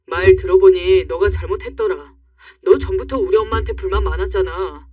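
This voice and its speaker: A reader playing a quick-tempered accusing husband. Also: medium pitch, dark tone, no echo, far from the mic, highs cut off, close to an everyday voice. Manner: accusing, raised voice. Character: married man, quick-tempered and defensive husband.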